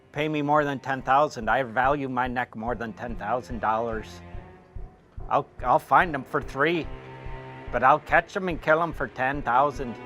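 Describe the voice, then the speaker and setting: An actor playing a gruff shark hunter, reading his lines flatly in his own plain voice and stumbling over them. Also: mid-range voice, natural voice. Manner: flat, halting line reading in his plain voice. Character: gruff middle-aged male shark hunter, flat and halting. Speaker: performer doing a movie scene reenactment.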